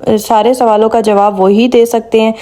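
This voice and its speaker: A woman's voice: fairly high pitch, little pitch movement, mellow. A woman vlogger giving casual commentary, talking straight to her viewers in a chatty way. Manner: chatty, addresses viewers directly.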